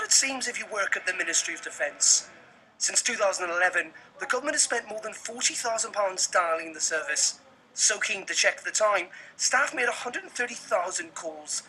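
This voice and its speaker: A British man reads a scripted television news report. His voice sits high for a man and is strikingly bright and projected. Faint ambient noise runs behind him. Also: poor audio.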